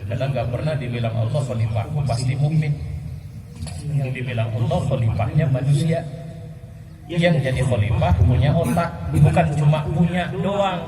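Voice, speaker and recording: A male preacher delivering an Eid sermon at an outdoor field prayer, swinging between low asides and shouted climaxes, asking questions and answering them himself. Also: normal speed, background noise. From Indonesia. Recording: echoey loudspeaker sound from far off.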